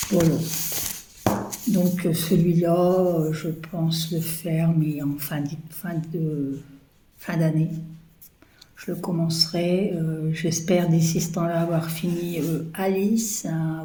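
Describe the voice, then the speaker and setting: A woman's voice: fairly low pitch, dark tone. A woman vlogging about her embroidery projects in a hesitant, casual chat full of fillers, her throat choked and coughing. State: coughing, choking. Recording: echoey room, faint noise.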